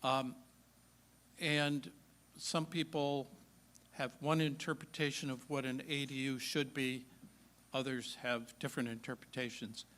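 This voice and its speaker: A man addressing a town meeting, speaking deliberately with pauses. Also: mid-range voice, level tone, a bit bright. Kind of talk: public comment.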